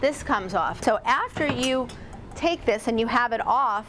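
A chatty woman with a fairly high voice demonstrates household repairs at a live workshop for a small audience. She's animated but measured in pace, addressing them directly and casually. A lapel mic picks her up along with a faint room hum.

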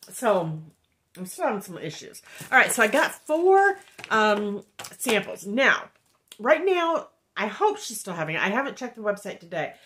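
A woman with a medium-pitched, slightly bright voice chats casually in a haul vlog, her voice nasal from a head cold. The wax melt reviewer is from Indiana, USA, and records indoors at home, chatty and rambling, with plenty of ums while she reads cards aloud.

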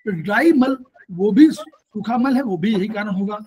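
A man's voice: sits high, expressive, a little slow, a little mellow, a little hiss or hum, poor audio. A man teaching a class, explaining patiently and repeating key points so students remember.

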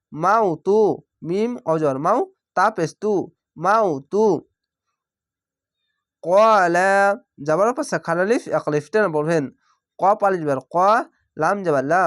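A man teaching Quran reading, spelling out each syllable slowly and drawing out the sounds. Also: high-pitched, a bit bright, dry recording, clean studio sound. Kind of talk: syllable-by-syllable recitation lesson.

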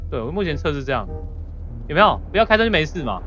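Lively woman gamer with swinging pitch. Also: racing. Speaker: gaming streamer. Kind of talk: casual chat while playing a horror game. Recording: dull lo-fi audio, game music behind.

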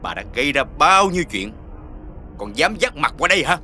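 An actor playing an angry, grieving middle-aged widower in a TV drama, scolding and chasing off an unwelcome in-law. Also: male voice, fairly high pitch, big pitch swings, brisk, full character voice. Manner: hostile, scolding, shouting orders. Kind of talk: TV drama acting.

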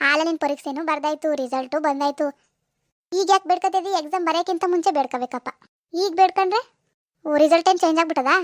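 Woman putting on a cartoon village mother, rural Karnataka Kannada accent, mocking scold, bright high voice, dry booth. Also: quick pace, no room sound. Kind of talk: cartoon voice acting.

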